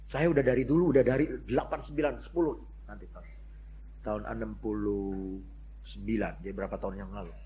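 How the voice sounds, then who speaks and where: An older man preaching a sermon, telling stories with loud exclamations that drop to near-murmurs. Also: lowish voice, fast talker. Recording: dull lo-fi sermon recording with faint hum.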